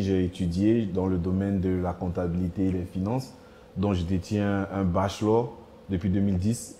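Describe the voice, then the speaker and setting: A man in his thirties from Côte d'Ivoire introduces himself calmly on a talk show. His voice is very deep, mellow and quite flat, and he speaks in an orderly way. A faint background hum sits under it. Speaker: guest.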